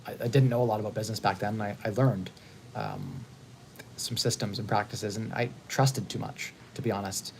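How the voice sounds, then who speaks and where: Fast-talking man in his thirties. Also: fairly low pitch, fairly even intonation, vocal fry, darkish tone, a little hiss or hum. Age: 30s. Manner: fast-talking, upbeat, repeats and restarts words. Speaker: host. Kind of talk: casual live-stream chat. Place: hotel.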